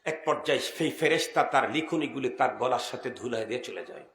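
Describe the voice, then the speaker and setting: A man preaching a sermon to a gathering, dramatic, swinging from low asides to loud shouts. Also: fairly quick. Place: large gathering, public address. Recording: echoey hall.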